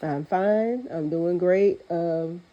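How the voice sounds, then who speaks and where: A woman's voice: lowish voice, takes it slowly, highs cut off. A woman with a congested, nasal voice, as if her nose were pinched, giving earnest, off-the-cuff spiritual advice as a host. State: congested from recent illness. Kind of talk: spiritual pep talk, speaking off the cuff.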